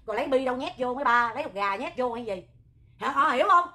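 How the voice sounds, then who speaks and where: This woman with a Southern Vietnamese accent speaks high and fast, with a loud, piercing voice that cuts through. She hosts a livestream in a hot-tempered, animated way, rambling into jokes. Her tone is sharp and bright. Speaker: livestream host, charity oxygen volunteer. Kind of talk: livestream talk to viewers.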